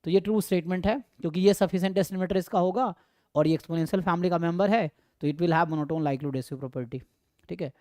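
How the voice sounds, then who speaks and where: A man's voice: sits high, brisk, a little mellow, no echo, clean studio sound. A man teaching statistics, walking through exam problems and checking in with his students often. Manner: explanatory, frequent "है ना" check-ins, mixes English terms. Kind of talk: exam problem walkthrough lecture.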